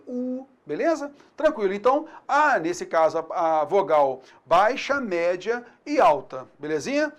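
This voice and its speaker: Chatty Brazilian male teacher. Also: high-pitched. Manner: chatty, keeps checking in with the viewer; sounds out syllables and vowels slowly. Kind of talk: video lesson on phonetics.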